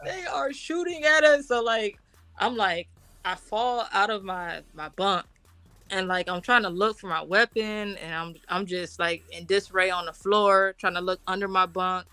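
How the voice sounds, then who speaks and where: A woman's voice: medium pitch, fairly even intonation, normal speed, pushed and bright, clean tone, no room sound, soft background music. A woman, a military officer being interviewed, telling war stories in an informal, slangy way and acting out the dialogue. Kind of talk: animated personal war story told conversationally.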